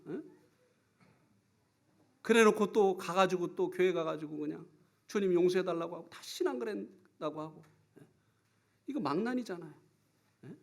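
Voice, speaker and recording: A man preaching a sermon, telling stories with lively acted-out scenes, sudden shouts and frequent questions to the congregation. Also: high voice. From South Korea. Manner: animated storytelling, acts out scenes and shouts; asks the congregation for replies often.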